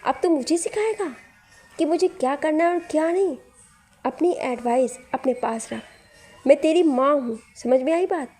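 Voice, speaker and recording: A woman's voice: sits high, normal speed, mellow, husky, faint music behind. A woman voicing a middle-aged mother who scolds her son but fusses over her daughter-in-law. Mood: scolding.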